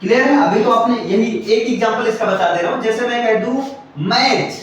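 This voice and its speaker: Recorded from far off in a very echoey classroom with slight background noise, a man with a very high voice teaches grammar briskly. He repeats himself, spells words letter by letter, and frequently checks understanding as students respond in unison.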